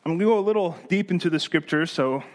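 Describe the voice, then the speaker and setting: A male pastor preaching a sermon in an animated, emphatic way, acting out the voices of the people he quotes. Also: a little high, fast.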